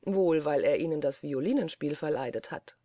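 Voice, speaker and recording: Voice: medium pitch, normal speed, mellow, dry recording, voice pushed down, lightly acted. A reader voicing a troubled young woman in an audiobook, earnest and reproachful. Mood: wondering. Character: uneasy young woman, the doctor's sister. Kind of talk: audiobook character voice.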